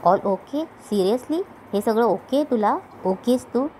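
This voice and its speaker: A woman voicing a hot-tempered young husband who scolds bluntly, slow and raised. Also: fairly high pitch, lively intonation, warm tone, slight background noise, rough recording. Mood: scolding.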